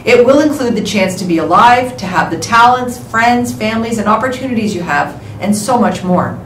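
A woman reading the morning announcements and prayer over a school intercom, in a steady, measured way. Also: a little high, slight background noise. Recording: echoey, distant intercom sound with faint ambience.

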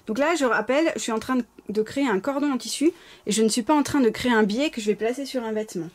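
A woman hosts a sewing tutorial in a fairly high voice with a clearly husky, breathy edge. She has a slight lisp and explains each step informally, in an apologetic, reassuring way. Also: quick pace. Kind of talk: informal step-by-step craft instruction. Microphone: camera placed close over the work table.

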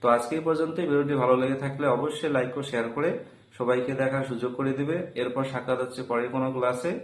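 A man's voice: mid-range voice, steady tone. Echoey Bengali-speaking male teacher. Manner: slow, repeats each example word. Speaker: English teacher. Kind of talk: video lesson.

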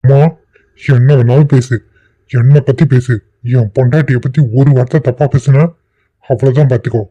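A man's voice: mid-range voice, steady tone, normal speed, warm tone, dry recording, dull audio, natural voice. A man in his twenties voicing a defiant young husband arguing with his mother in a cartoon. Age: 20s. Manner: defiant, insistent. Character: defiant young husband, 25, hot-headed son. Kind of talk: cartoon voice acting.

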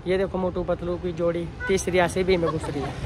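A young man's voice sits high and flat at a fairly quick pace as he vlogs on his phone, speaking to viewers as guys and friends. It's recorded outdoors in town and in a packed restaurant, with music and crowd chatter making the audio noisy.

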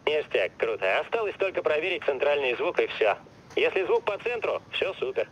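An actor playing a chatty, joking young tech support teammate in a game, talking casually in slang. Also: male voice, a little high, very animated, moderate pace, lo-fi sound, a little hiss or hum. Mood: casual, playful. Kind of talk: dubbed game dialogue.

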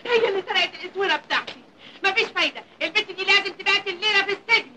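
An actress playing a scheming, spiteful wife who bullies her maid, with shrill, scolding speech in 1950s Egyptian film style. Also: rapid-fire, noisy background. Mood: furious.

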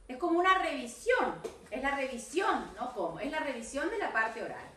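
A woman English teacher corrects homework in a video class. Her high voice rises and falls widely as she spells out English words slowly. The sound comes from a distance in a room with an echo. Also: big pitch swings, fairly bright tone, slight background noise. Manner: mixes Spanish explanations with slow English examples. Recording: echoey room, voice off-mic.

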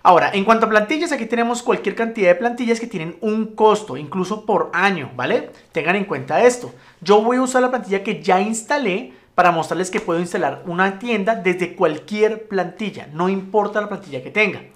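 Lively, animated male tutor, casual and chatty, keeps checking in with viewers. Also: high-pitched, brisk, few pauses. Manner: relaxed, chatty, addresses viewers as "muchachos"; frequent checking tags like "¿listo?" and "¿vale?". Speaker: web tutorial instructor. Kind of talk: casual screen-recorded tutorial.

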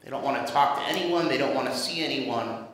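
Bright-voiced pastor in a ringing church. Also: male voice, mid-range voice. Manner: storytelling, measured and dramatic. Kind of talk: sermon. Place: church sanctuary. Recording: echoey church hall reverb.

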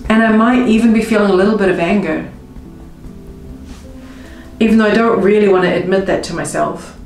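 A woman coaching viewers through a tapping session, speaking slow, emotive first-person affirmations. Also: medium pitch, a little mellow. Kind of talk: guided tapping script spoken in first person. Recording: roomy with faint music behind.

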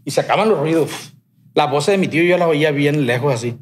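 Brisk and fairly high-pitched, this podcast guest speaks with a Sinaloan Mexican Spanish accent over a little hiss or hum. He's casually telling a long personal story, rambling along with plenty of slang and swearing.

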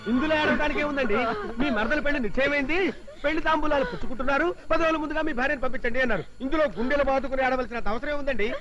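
A bossy neighbour scolds and mocks everyone at a very rapid clip. His voice sits very high, and the film soundtrack sounds dull. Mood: mocking.

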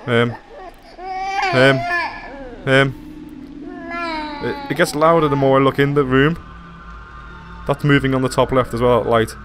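A man's voice: medium pitch, fairly even intonation, moderate pace, long pauses, a bit bright, faint music behind. A frightened man commenting on a horror game as he plays, jittery, swearing and talking to himself. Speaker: let's play gamer.

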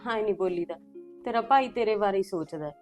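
A middle-aged woman playing a calm village mother who coaxes and soothes her grown children, with faint music behind. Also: mid-range voice, fast, natural voice. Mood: soothing. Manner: calm, coaxing, keeps calling her children "son".

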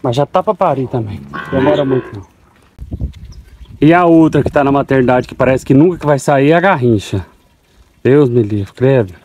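A man's voice: medium pitch, animated, normal speed, a little mellow. A man from Goiás with a Goiás Portuguese accent, vlogging casually on his farm and talking affectionately to his cows. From Goiás, Brazil. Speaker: farmer vlogger. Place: outdoors on a cattle farm.

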